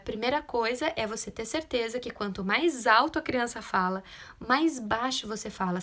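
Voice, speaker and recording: A young woman, an occupational therapist giving parenting advice in an informal talk over a phone live stream, explaining things and often ending a sentence with a quick "né?". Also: fairly high pitch, fairly bright tone.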